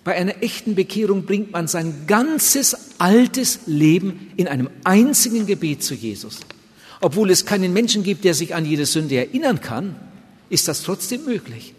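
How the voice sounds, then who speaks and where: Man, preacher, high voice, husky tone, earnest and emphatic sermon, long reverberant hall. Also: very animated, normal speed.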